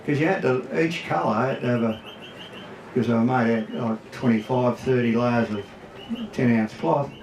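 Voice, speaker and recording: An older man with an Australian accent and a gravelly voice, reminiscing casually in plain colloquial words. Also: mid-range voice, normal speed, a little mellow, slight background noise. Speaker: guest speaker, veteran surfboard maker. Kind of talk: casual reminiscing before an event crowd. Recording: roomy echo, far from the mic.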